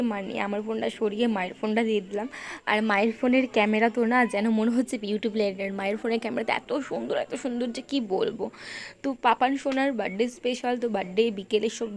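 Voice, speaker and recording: A woman tells the story of a family outing in voice-over. Her voice sits a little high, and she talks loudly in a chatty, animated way. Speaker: vlogger and mother. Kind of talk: voice-over narration of a family vlog.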